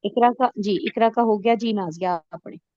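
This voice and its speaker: A woman's voice: mid-range voice, warm tone, no room sound, lo-fi sound. Patient woman teaching a recitation class. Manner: patient, explains with everyday examples and checks understanding. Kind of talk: online tajweed class.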